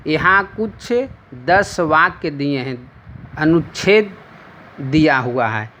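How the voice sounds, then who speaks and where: A man teaching Sanskrit to children in a lesson, reciting word forms slowly and carefully and explaining how to pronounce them. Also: a little high, animated, sharp tone, a little hiss or hum. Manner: slow, deliberate drilled recitation of word forms; addresses children directly, explaining pronunciation.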